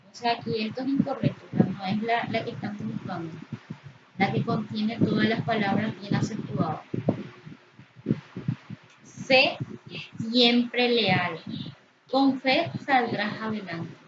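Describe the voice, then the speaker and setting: Give me a slightly high woman's voice, teaching slowly, muffled lo-fi sound. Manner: slow, careful, stresses syllables to demonstrate. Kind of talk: spelling lesson. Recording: echoey, muffled, noisy lo-fi.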